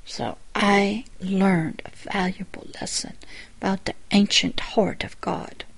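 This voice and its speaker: Slow-speaking woman pastor telling a testimony. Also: mid-range voice, steady tone, creaky, slightly rough, in a whisper. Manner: slow, reflective storytelling with quiet asides. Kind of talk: sermon-style personal testimony.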